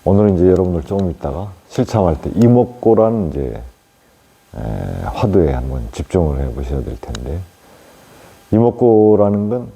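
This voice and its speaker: A male Buddhist monk giving a plain, unhurried dharma talk on meditation to lay listeners, with many fillers and tag questions. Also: low-pitched, gravelly, dark tone, breathy edge, rough recording.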